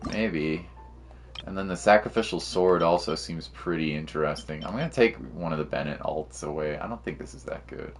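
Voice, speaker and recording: A man with a rumbling low voice and moderate pace streams a game live, chatting casually with viewers. He uses slang and muses aloud to himself while game music plays behind him.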